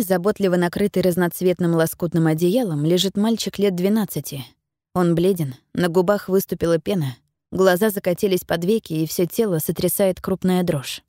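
A woman reading an audiobook as narrator, in a measured, even storytelling manner. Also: fairly low pitch, no echo, studio quality. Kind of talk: scripted narration.

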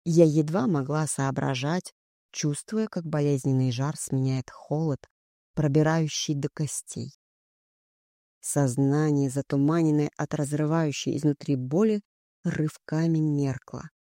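A reader narrating a first-person novel in a measured, scripted audiobook style. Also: medium pitch, steady tone, dark tone, dry recording, clean studio sound.

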